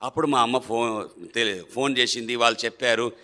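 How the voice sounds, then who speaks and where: A middle-aged man tells his conversion testimony with a bright, forceful voice. He speaks emphatically, his voice swinging from loud bursts down to low, quiet asides. His voice rings with the long echo of a hall. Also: steady tone, a little fast. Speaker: church member giving his testimony. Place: prayer hall. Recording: echoey hall.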